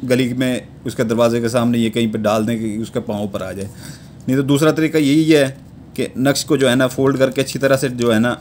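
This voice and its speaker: A man with a Pakistani Urdu accent calmly teaching how to draw a charm step by step, checking in with a repeated tag after each step. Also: mid-range voice, slight background noise. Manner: unhurried, repeats a verbal tic after nearly every step. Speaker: amulet-making teacher. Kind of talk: step-by-step instructional talk.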